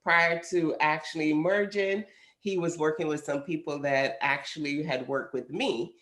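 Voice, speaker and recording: A middle-aged woman from Barbados, a pastor, chatting lively over a home video call. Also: low-pitched, a little slow, reverberant. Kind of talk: casual conversation on a video call. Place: living room at home, indoors. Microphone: webcam on a video call.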